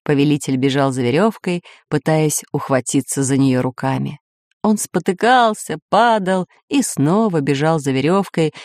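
Expressive woman reading a storybook. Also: sits low, dry recording, clean studio sound. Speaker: narrator.

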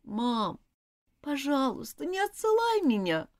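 A woman's voice: extremely high pitch, sing-song, normal speed, a little mellow, voice pushed up. Woman doing Elizabeth, a whiny spoiled girl. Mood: pleading. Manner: whiny and pleading. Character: spoiled willful little girl.

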